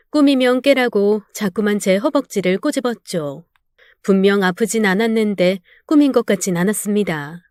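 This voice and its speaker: A woman's voice: medium pitch, a little mellow, clean tone, no room sound, clean studio sound. A woman narrating a real-life story in the first person, with an emotional, dramatic delivery.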